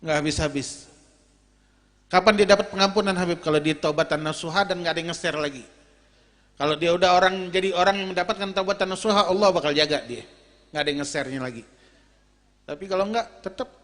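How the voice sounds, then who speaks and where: A man preaching a lively, jokey sermon at a large gathering, swinging between loud calls and low storytelling. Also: fast, pauses often. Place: large outdoor or hall gathering. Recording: reverberant PA in a big space.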